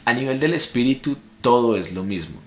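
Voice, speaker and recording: A man with a Colombian Spanish accent voicing a calm male spiritual teacher who speaks as a manifestation of spirit, read aloud plainly from a book. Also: medium pitch, a little fast, pitched above the performer's own voice, natural voice. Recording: echoey room.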